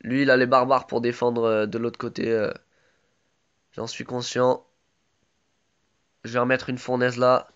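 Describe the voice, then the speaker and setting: A man's voice: mid-range voice, level tone, measured pace, long pauses, a bit bright, clean tone, dull audio. A man with a sore throat giving casual live commentary on his own game, chatty and full of gamer slang.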